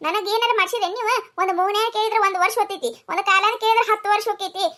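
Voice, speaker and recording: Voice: very high voice, fairly even intonation, racing, bright, forceful tone. A performer voicing a sulky, defiant young village daughter-in-law in a cartoon, with a North Karnataka Kannada accent. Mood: whiny. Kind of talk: cartoon comedy voice acting.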